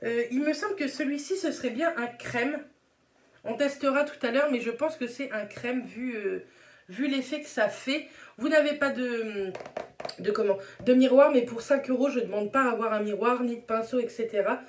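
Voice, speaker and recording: A fairly high-voiced woman reviews makeup palettes and lipsticks in a casual, chatty way. She often stops on "euh" and stacks up repeated words. Her voice rings in an echoey room. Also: moderate pace. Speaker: beauty vlogger.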